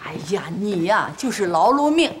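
A woman's voice: mid-range voice, big pitch swings, normal speed, slight background noise, lightly acted. An actress playing a fussing, gossipy older mother at home. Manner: fussing, chatty.

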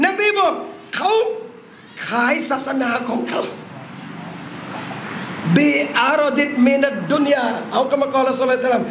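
A man preaching an Islamic sermon to a gathering in a noodle shop, impassioned and often breaking into shouts while calling his listeners brothers and sisters. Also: very high-pitched, moderate pace, long pauses, background noise. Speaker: Islamic religious teacher. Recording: echoey room.

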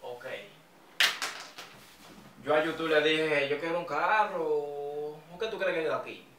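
A man's voice: on the high side, takes it slowly, a bit bright, a little hiss or hum. A young man with a Dominican accent, vlogging in a rowdy, joking, slangy way. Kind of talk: casual street-slang vlog. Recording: echoey room, mic a bit distant.

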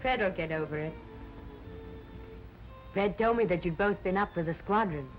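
An actress playing a gentle, earnest young woman in wartime, speaking softly and earnestly in early talkie film sound. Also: on the low side, moderate pace. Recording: dull 1930 film soundtrack, faint music.

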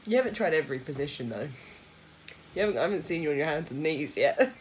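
A woman's voice: deep voice, animated, fast talker, husky. A young woman, joking and teasing her friend in a casual chat, often breaking into giggles. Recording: faint background noise.

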